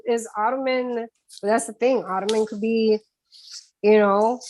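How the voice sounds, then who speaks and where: A woman co-hosting a casual spiritual talk show, chatty and quick with interjections. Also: on the high side, fairly even intonation, crowd noise. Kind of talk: casual chat.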